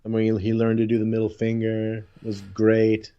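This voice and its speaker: A man's voice: lowish voice, normal speed, clean tone. Guy rambling on a podcast, tons of "like" and restarts, kinda muffled audio. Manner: rambling, animated, many fillers and restarts. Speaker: podcast co-host. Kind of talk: casual chat.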